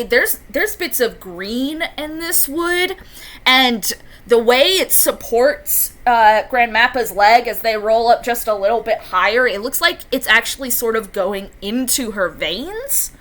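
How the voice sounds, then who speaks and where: A woman's voice: fairly high pitch, fairly bright tone. A woman narrating a tabletop game as game master, in a chatty way with many fillers.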